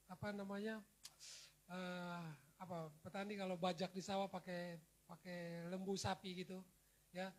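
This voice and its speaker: A male pastor preaching a sermon to his congregation, telling personal stories and acting out the dialogue, moving between loud emphatic lines and soft, quiet ones. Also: sits high. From Indonesia. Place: church service.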